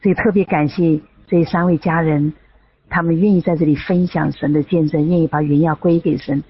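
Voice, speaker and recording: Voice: mid-range voice, steady tone, fairly quick, slight background noise. A host of an online prayer room giving closing remarks after the testimonies. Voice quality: very husky. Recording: muffled lo-fi online voice chat.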